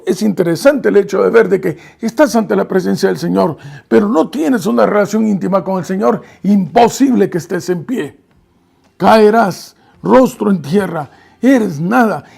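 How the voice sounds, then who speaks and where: A male preacher delivers an earnest sermon, reading scripture aloud and pausing to explain it. His voice sits high, with a heavily gravelly, husky texture. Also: a little mellow.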